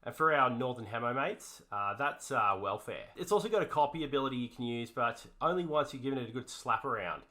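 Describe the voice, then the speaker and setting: A man's voice: medium pitch, animated, brisk, few pauses, bright, forceful tone. A man co-hosting a comedic card review, talking in a put-on broad Australian accent and joking with heavy slang. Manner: jokey, heavy Aussie slang. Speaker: co-host.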